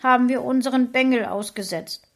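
A woman's voice: mid-range voice, moderate pace, close to an everyday voice. A woman voicing a regretful husband and dog owner in a subdued, sorry tone. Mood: remorseful. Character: remorseful middle-aged husband, a dog's owner.

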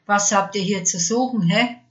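A woman voicing a cruel, mocking male devil in a fairy tale, taunting loudly and then dropping to a menacing hush. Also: lowish voice, measured pace, dull audio. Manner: loud taunting, drops to a soft menacing hush.

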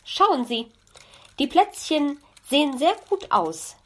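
A chattering, eager magpie lady from a children's audiobook, chirping up high and swooping through her lines with loud delight, as a woman reader puts her on. She gushes over every rhyme. The voice stays lively and sparkling throughout. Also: slow, full character voice. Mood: excited. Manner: gushing, bright and eager. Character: excitable chattering female magpie.

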